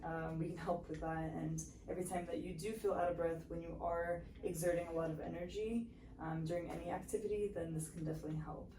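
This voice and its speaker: A woman's voice: lowish voice, little pitch movement, fast talker, few pauses, echoey room, recorded from a distance, a crowd in the background. A woman working as a home health therapist, guiding a patient through exercises with patient, encouraging instructions and frequent fillers. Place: home kitchen and pantry.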